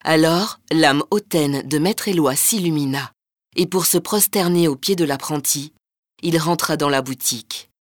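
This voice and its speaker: A woman narrates an old folk tale in a lively, rhythmic storytelling manner. Her voice sits on the low side for a woman. The recording is close and dry. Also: unhurried, dry recording.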